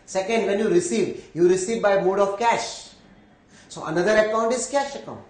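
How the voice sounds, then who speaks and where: Echoey room, Indian-accented man, high voice, accounting teacher, step-by-step explanation, repeated phrases, frequent check-in questions. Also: moderate pace. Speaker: accounting lecturer. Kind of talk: live lecture, explaining step by step.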